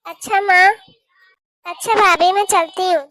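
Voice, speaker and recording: A woman's voice: very high-pitched, fairly even intonation, a little slow, bright, forceful tone, dry recording, studio quality, exaggerated voice. A woman voicing a caring young married daughter in a cartoon, talking in an earnest, pleading way. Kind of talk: cartoon voice acting.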